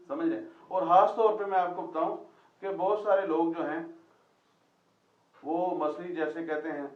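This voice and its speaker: A man's voice: on the high side, echoey room, muffled recording. A man teaching a class, quizzing students and repeating their answers back, recorded from a distance in a classroom. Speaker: Quran Arabic teacher. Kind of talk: classroom lesson with questions to students.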